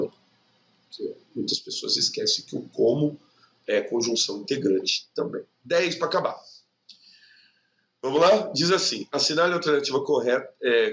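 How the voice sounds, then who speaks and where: A man's voice: mid-range voice, fairly bright tone. A man from Brazil walking through exam grammar questions as a teacher, casually checking in with rhetorical questions. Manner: informal, explains with rhetorical questions and "tá?".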